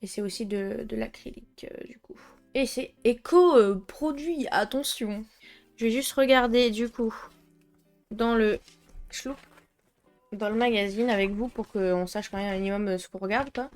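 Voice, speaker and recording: A fairly high-voiced woman chats her way through an unboxing of art supplies, hesitating often and giggling along the way. Soft background music runs under her casual, filler-heavy talk. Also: moderate pace. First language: French. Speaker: art vlogger.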